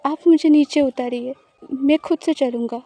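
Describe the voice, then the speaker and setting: A woman reads out a wounded, defiant young bride in an audio story, her high voice pushing back in bitter protest. The tone stays mellow and soft-edged even when she pleads. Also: normal speed, no echo. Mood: resentful. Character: hurt, defiant young woman resisting her new spouse.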